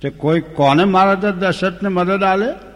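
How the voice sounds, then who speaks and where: A man's voice: high voice, moderate pace, fairly bright tone. A man retelling an old epic as a folk storyteller, homely and humorous, breaking into sung verses. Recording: long hall reverb.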